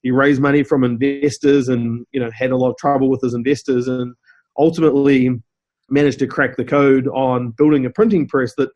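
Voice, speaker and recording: A New Zealand company CEO, appearing as a guest, answers interview questions in a steady, explanatory way, often saying "you know." His voice is medium-pitched with a New Zealand accent and a slightly fast pace, and the sound is lo-fi.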